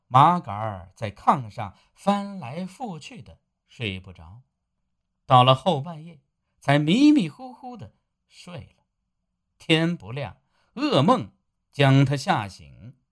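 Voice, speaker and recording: A woman narrating a folk story in an expressive, dramatic way. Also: sits low.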